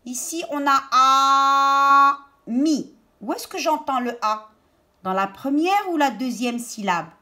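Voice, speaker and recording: A woman teaching a reading lesson to young children, stressing and repeating each word slowly and deliberately. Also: high-pitched, big pitch swings, fairly bright tone.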